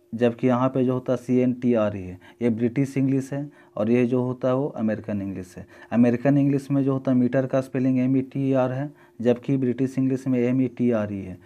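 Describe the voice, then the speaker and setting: Guy teaching english, mellow voice, kinda dull lo-fi sound, repeats words slow. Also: medium pitch. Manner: explains step by step, repeating example words slowly. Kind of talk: classroom-style lesson.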